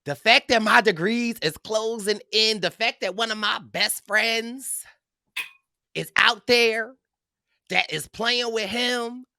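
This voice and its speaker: A man co-hosting a podcast, telling stories in an animated, theatrical way. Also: high-pitched, takes it slowly, gravelly, no echo, studio quality. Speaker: podcast co-host. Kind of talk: casual podcast chat.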